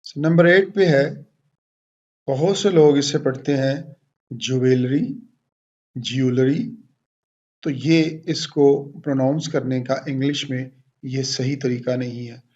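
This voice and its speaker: A man teaching English pronunciation, repeating each word several times in a deliberate way and switching between English and Hindi explanations. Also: mid-range voice, steady tone, darkish tone, lo-fi sound. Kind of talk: pronunciation lesson.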